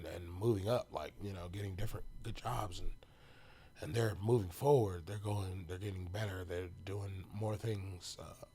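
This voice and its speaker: A man telling his personal story as a podcast guest, halting and full of restarts, sometimes dropping to a whisper. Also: sits low, a little hiss or hum. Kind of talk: emotional personal testimony.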